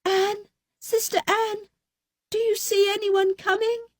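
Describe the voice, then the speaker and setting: A woman's voice: a little slow, darkish tone, no echo, clean studio sound. Woman voicing a terrified pleading young wife. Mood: desperate. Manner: high, desperate pleading.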